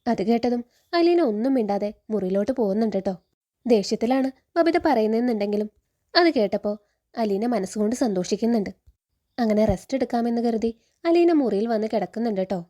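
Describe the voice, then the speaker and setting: Woman, Kerala Malayalam accent, serial recap storyteller; quick, chatty, mellow tone, slightly high. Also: expressive. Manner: chatty, adds a friendly particle to each sentence.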